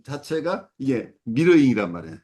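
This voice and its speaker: Speaking a little fast in a dark, medium-pitched voice with big swings in pitch, a middle-aged man supervises a psychoanalysis case. His step-by-step explanation is full of fillers and corrections of himself.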